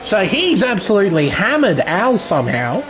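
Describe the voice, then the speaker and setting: High-pitched male motorsport commentator, engines behind. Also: sing-song, normal speed. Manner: motorsport commentator calling the action move by move. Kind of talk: live sim racing commentary. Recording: loud vehicle noise behind. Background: racing car engine noise.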